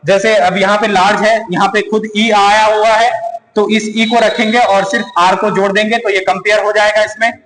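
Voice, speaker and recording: High-voiced man teaching in an echoey room. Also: level tone, a bit bright. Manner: repeats key words slowly, asks and answers his own questions. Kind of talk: grammar lesson. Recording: echoey room with long reverb.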